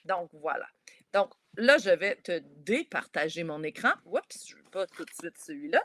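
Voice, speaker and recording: A woman with a Québécois French accent, a children's author, leading a poetry workshop for schoolchildren over a video call, explaining step by step in a lively, encouraging way. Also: on the low side, moderate pace. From Quebec. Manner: lively, encouraging, explains step by step while talking straight to kids.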